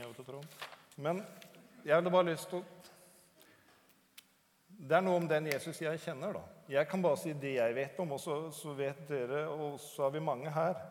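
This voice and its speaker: A man giving an informal, hesitant church talk, with many fillers and restarts. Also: on the high side. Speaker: lay preacher. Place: church hall. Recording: long hall reverb.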